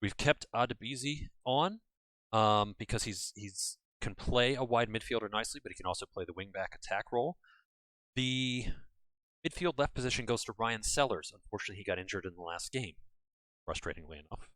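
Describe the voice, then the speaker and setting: A man's voice: lowish voice, brisk, a bit bright, no room sound. An American man hosting a casual game commentary from home, chatty and rambling, often correcting himself. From United States. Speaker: gaming channel host. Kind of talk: casual let's-play commentary.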